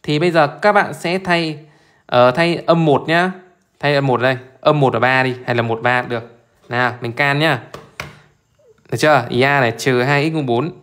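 Brisk man checking in as he teaches. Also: mid-range voice, fairly bright tone. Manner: keeps checking in with listeners, repeating short questions; brisk, chatty, informal teaching talk. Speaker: math teacher. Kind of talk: live exam solution walkthrough.

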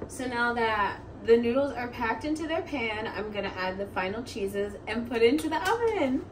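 Slightly high and expressive, this twenty-something woman speaks at a normal speed while casually narrating her home cooking vlog. The camera or phone sits a few steps away in her small kitchen, giving distant sound with noisy ambience around her.

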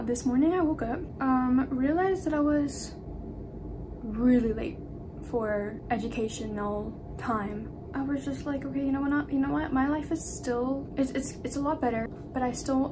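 A woman's voice: on the high side, dark tone, slight background noise, low-quality recording. A young woman with a slight lisp, chatting casually at home while getting ready, rambling and self-deprecating. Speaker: vlogger. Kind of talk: casual get-ready-with-me chat. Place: at home, indoors.

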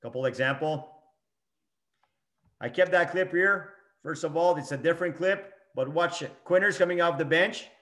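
A man's voice: a little high, normal speed, a bit bright. Man coaching in short emphatic bursts. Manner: short emphatic phrases, repeats key points. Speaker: hockey coach. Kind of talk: coaching talk over game video clips.

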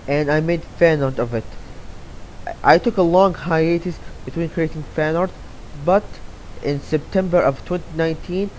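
This young man from Saudi Arabia, a guest artist being interviewed, offers loose, meandering replies to questions read aloud, restarting often and leaning on fillers. His voice is a little high and a little mellow, heard through poor audio with slight background noise.

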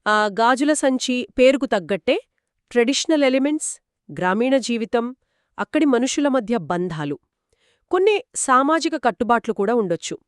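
Woman co-host, book podcast, higher voice, dry close sound, explains reviews. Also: animated, normal speed, clear, resonant tone, dry recording. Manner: explains and sums up reader reviews.

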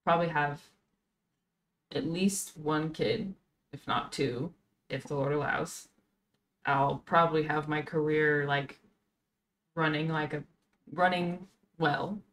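A woman's voice: low-pitched, steady tone, slow, pauses often, a bit bright, slight background noise. A woman in her twenties hosting a podcast, chatting casually and thinking aloud earnestly, at home on a desk mic. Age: 20s. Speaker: podcast host. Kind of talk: casual chat. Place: home streaming room.

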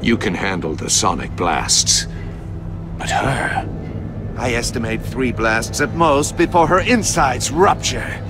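An actor playing a sadistic, pompous older supervillain in a video game, taunting with theatrical relish. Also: male voice, medium pitch, lively intonation, slow pace, over music. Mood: mocking cruelty. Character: gloating sadistic older male riddle-obsessed supervillain. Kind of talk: video game villain acting.

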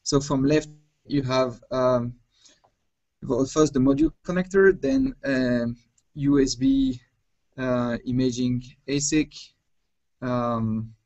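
Slow, halting male presenter. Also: mid-range voice, a little mellow, lo-fi sound. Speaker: technical presenter. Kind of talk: unscripted technical presentation.

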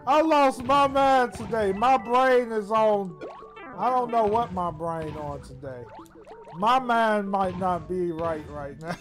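A woman streaming a level-building platform game, commenting live in an excitable, joking way and laughing often. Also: medium pitch, slow pace, over music.

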